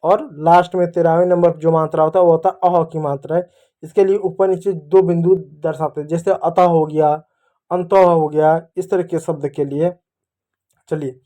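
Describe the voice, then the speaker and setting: A man teaching young children to read, patiently repeating each sound slowly. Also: high-pitched, warm tone. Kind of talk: children's reading lesson.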